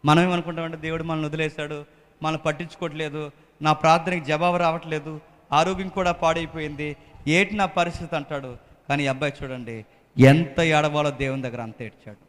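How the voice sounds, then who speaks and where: A man preaching as a pastor in a fervent sermon, swinging between loud exhortation and hushed pleading into a microphone. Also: fairly high pitch, steady tone, fast, big-room sound.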